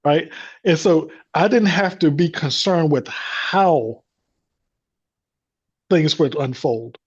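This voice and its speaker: A man's voice: a little high, takes it slowly, breathy edge, muffled recording. A man telling a personal faith story as a guest, in an earnest, devout manner. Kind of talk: personal testimony.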